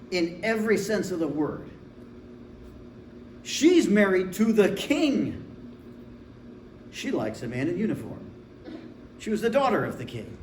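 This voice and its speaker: Pastor in his 40s preaching, kinda high voice, chatty and jokey, echoey church room with faint hum behind. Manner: conversational, humorous storytelling. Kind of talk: sermon. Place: church sanctuary.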